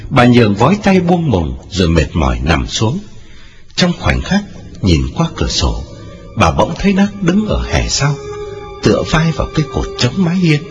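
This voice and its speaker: A man narrating a ghost story in a dramatic storytelling manner. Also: lo-fi sound. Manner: dramatic storytelling with wide swings in pitch. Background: music.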